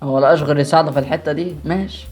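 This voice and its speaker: A man's voice: fairly high pitch, fairly even intonation, rapid-fire, over loud music. A man with an Egyptian accent hosting a reaction video, teasing and joking in casual commentary. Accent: Egyptian Arabic.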